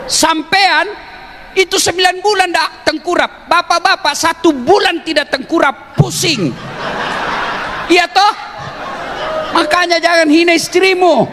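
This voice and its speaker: A high-pitched man with a bright, forceful voice preaches a joking, teasing sermon, firing questions at the crowd and often breaking into emphatic shouts. His voice rings with a long hall reverb over faint background noise. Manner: addresses the audience directly with questions. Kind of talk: humorous sermon to a live audience.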